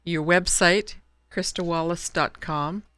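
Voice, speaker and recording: Woman, stream host, deep smooth voice, soft halting speech, dry close sound. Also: steady tone, no room sound. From Canada. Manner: halting, with many restarts and fillers, soft-spoken. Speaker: host of a writers' open mic stream. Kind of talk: casual chat wrapping up a live stream.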